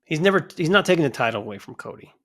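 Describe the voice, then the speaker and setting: A man's voice: on the high side, sing-song, rapid-fire, fairly bright tone. A man co-hosting a podcast in casual chat, blunt and swearing freely, often cutting in over his co-host.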